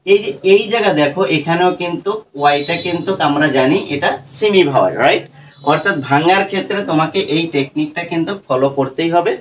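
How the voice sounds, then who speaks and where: In this online pronunciation class, a fairly high-pitched man speaking Bengali with a Bangladeshi accent teaches English at a fairly quick clip. He spells out each word letter by letter and keeps checking with "right?", with slight hiss or hum in the recording.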